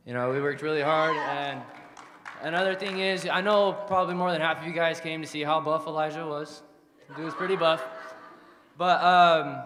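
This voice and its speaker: A teenage boy addressing an audience from a school stage before singing, with plenty of filler words. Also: a little high. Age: teens. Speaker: contestant. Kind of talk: casual stage speech. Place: school auditorium. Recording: echoey hall.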